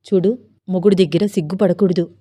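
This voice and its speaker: A woman's voice: lowish voice, steady tone, brisk, dark tone, slightly rough, no room sound, studio quality. A woman voicing a teasing, eager young husband who scolds playfully.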